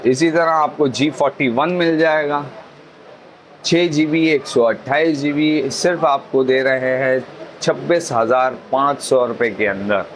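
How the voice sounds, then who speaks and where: A man's voice: medium pitch, steady tone, measured pace, slight background noise, poor audio. A man with a Pakistani accent presenting products for a phone shop in a repetitive, salesman-like promotional patter. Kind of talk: promotional sales pitch listing phone models and prices.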